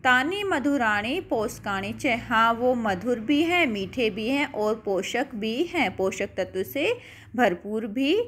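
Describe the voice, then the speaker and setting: A woman's voice: a little high, expressive, slow pace, a little hiss or hum. A woman teaching a school language lesson, patiently repeating words and asking her pupils questions she then answers herself, calling them her children. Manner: addresses pupils affectionately as children. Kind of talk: slow classroom lesson explanation.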